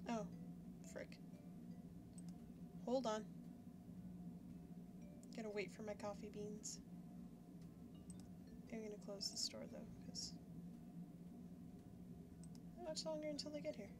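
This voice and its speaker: Speaking slowly with frequent pauses, a young woman with a medium-pitched, very animated voice narrates her gameplay in a casual, self-mocking way, thinking aloud throughout. She's a gaming YouTuber at a home setup with a webcam in the corner, and the recording carries loud background noise.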